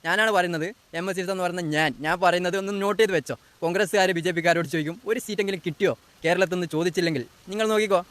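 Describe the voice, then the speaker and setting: A man's voice: sits high, fairly even intonation, a bit bright. A man hosting a reaction video, delivering mocking political commentary in a sarcastic, teasing rant. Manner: sarcastic, teasing, rapid-fire ranting.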